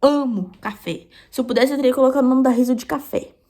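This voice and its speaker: Young woman, vlogger, casual confessional chat, slightly high voice, candid, repetitive phrasing. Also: fast. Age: young adult. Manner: chatty, candid, repeats phrases, drops to soft asides.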